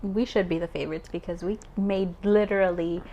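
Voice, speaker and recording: Giggly woman in her twenties, low voice. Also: steady tone, fairly quick, vocal fry, dull audio, over a noisy crowd. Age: 20s. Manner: giggly, chatty, frequent "um" and "like". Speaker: podcast co-host. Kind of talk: casual chat.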